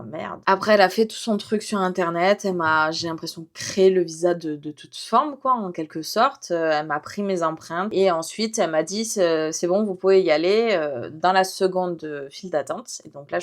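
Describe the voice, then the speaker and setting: A young woman from southern France, chatting candidly in a casual vlog and acting out the exchanges she retells. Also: on the low side. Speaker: vlogger.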